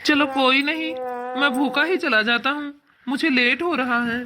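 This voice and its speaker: A woman voicing a mild, resigned elderly father-in-law in a cartoon, speaking calmly. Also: high-pitched, moderate pace, music in the background, close to an everyday voice. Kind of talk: cartoon voice acting.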